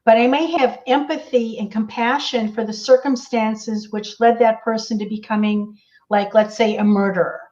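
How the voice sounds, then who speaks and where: Female interviewer, casual and reflective, fairly high voice, slightly muffled lo-fi call audio. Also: steady tone, moderate pace, a little mellow.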